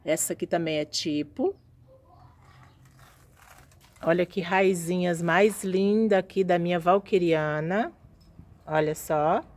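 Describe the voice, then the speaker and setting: A woman giving a casual walking tour of her home orchid house, chatting admiringly as she shows her plants to viewers. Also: fairly low pitch. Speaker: orchid grower vlogger.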